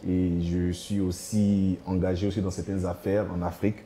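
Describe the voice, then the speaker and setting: A man in his thirties from Côte d'Ivoire introduces himself calmly on a talk show. His voice is very deep, mellow and quite flat, and he speaks in an orderly way. A faint background hum sits under it. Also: moderate pace. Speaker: guest.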